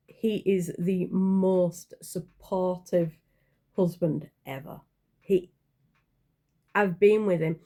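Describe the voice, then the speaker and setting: A woman in her forties talks to her camera in a loose, unhurried vlog chat. Her voice is soft and mellow, and she rambles, pausing on fillers and correcting herself as she goes. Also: medium pitch. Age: 40s. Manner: rambling, hesitant, with many fillers and self-corrections. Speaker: channel creator.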